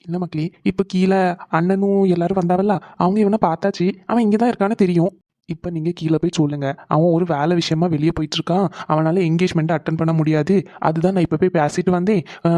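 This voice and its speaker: A man's voice: high voice, steady tone, fast, warm tone, no echo, close to an everyday voice. A man voicing an emotional middle-aged father in a cartoon, pleading and tearful. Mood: urgent. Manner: pleading, calls his sons "people". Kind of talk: cartoon voice acting.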